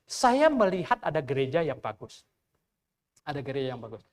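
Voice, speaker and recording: A man's voice: mid-range voice, big pitch swings, moderate pace. An older man, a pastor, preaching a Sunday sermon in church in a conversational, storytelling way full of rhetorical questions. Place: church during a Sunday service.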